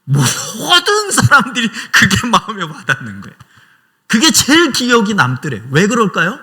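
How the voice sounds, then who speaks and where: Bright, husky-voiced Korean pastor preaching. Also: male voice, sits high, wildly swooping pitch, brisk. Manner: conversational and emotional, acting out prayers aloud. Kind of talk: sermon. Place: small church.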